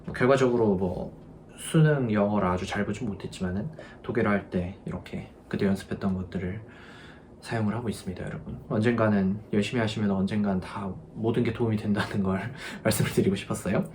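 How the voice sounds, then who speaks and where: A man's voice: lowish voice, darkish tone, a little hiss or hum. Patient male language teacher. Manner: explains patiently, drills verb forms by repeating them slowly. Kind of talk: online grammar lesson.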